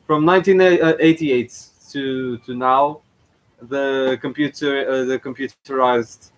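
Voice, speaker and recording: Man, casual reaction commentary, hesitant, lots of fillers and restarts, mid-pitched voice. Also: fairly even intonation, slow pace, low-quality recording. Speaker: channel host reacting to a past contest.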